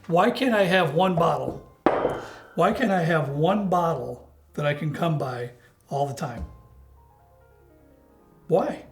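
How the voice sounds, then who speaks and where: A man's voice: a little high, expressive, slow, creaky, pauses often, music in the background. A man hosting a casual, opinionated drinks review chat, with an unstable, grainy voice as if getting over being sick. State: unsteady voice while recovering from illness. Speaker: host of a bourbon review show. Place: home basement bar.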